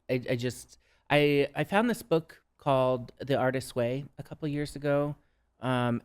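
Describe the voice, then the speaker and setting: Male podcast guest, smooth resonant voice, thoughtful and unhurried. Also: medium pitch. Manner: reflective, measured, with pauses and restarts. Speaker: guest, drag performer and counselor. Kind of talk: casual podcast chat.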